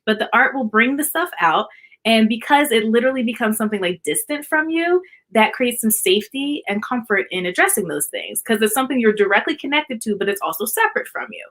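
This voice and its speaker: Bright-voiced woman, art therapist guest. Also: a little high, animated, a little fast. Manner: earnest, explanatory, repeats for emphasis. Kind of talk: casual interview chat.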